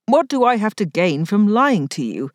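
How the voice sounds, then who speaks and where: Play a wry young viscount, voiced by a woman narrator, formal and teasing in an old-fashioned storybook way. Let the lines swing widely in pitch, and keep the sound close and dry. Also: big pitch swings, moderate pace, dry recording, close to an everyday voice. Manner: formal period speech, rising to a strained high pitch.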